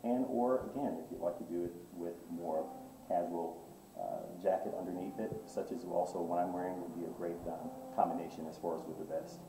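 Inside his menswear boutique, the middle-aged owner enthusiastically shows items in an interview, his salesman chatter thick with fillers. He has a deep, fairly level voice and talks a little fast, heard far from the camera mic over background noise and shop echo.

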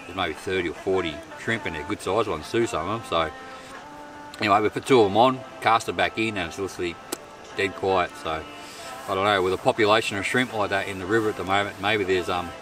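A deep-voiced, fast-talking middle-aged Australian outdoor vlogger gives easygoing camp narration to camera while camping and fishing by a river at night. He's laid-back, chatty and self-amused, with music playing. A far-off camera mic captures the outdoor night noise too.

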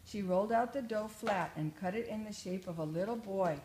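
An older woman, a grandmother, reading a children's story aloud with expressive, rhythmic storytelling. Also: medium pitch, fairly quick. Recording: echoey room, faint noise.

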